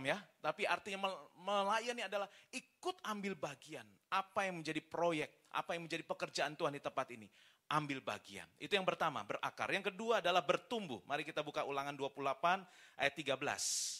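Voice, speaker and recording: A man preaching a sermon at a church service, telling stories in a lively way and often turning to the congregation. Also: sits high, a little fast. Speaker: pastor.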